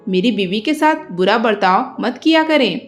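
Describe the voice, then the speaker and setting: A woman's voice: a little high, expressive, moderate pace, faint music behind, lightly acted. A woman voicing a wounded, proud young husband who speaks earnestly and sternly in a narrated story.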